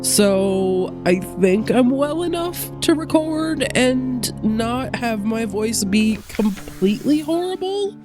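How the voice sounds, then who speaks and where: Music plays behind a woman whose voice sits a little high and sounds congested from a recent cold. As host of a let's play, she talks slowly with few pauses, animated and casual, thinking aloud during the game.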